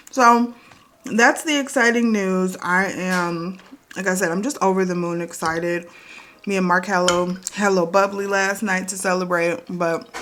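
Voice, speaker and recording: A woman's voice: on the low side, a bit bright. Chatty woman vlogging at home. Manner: upbeat, chatty, repeats herself. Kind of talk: casual vlog chat to camera. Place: home kitchen table.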